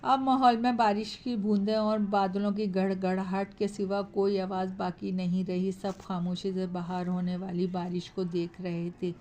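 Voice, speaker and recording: Female horror-story narrator, flat steady read, faint hiss in the recording. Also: medium pitch, normal speed, few pauses.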